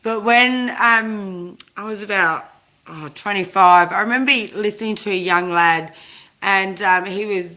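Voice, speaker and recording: A woman's voice: medium pitch, unhurried, bright, forceful tone. A woman in her forties with a South Australian accent, rambling through a chatty live-stream rant, correcting herself and greeting viewers mid-sentence.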